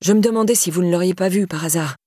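Woman doing worried young husband, tense, urgent, forced politeness, audiobook, breathy. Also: on the low side, fast, mellow, no room sound, clean studio sound. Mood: polite. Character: tense, worried young man searching for his wife.

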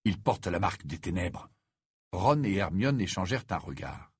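A man's voice: deep voice, very animated, normal speed, husky, no echo, clean studio sound. A man reading a storybook aloud expressively, narrating and doing all the voices. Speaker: audiobook reader.

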